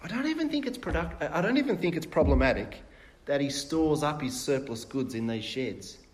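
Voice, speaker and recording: A man preaching a sermon in a conversational way, asking rhetorical questions and pausing with fillers and restarts. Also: a little high, animated.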